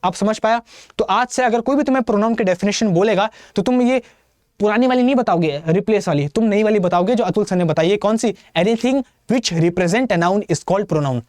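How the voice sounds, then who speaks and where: A man's voice: high voice, fast, a little mellow, dry recording, clean studio sound. A man teaching grammar in a classroom lecture style, constantly asking his students questions and answering them himself, with English terms mixed into his talk.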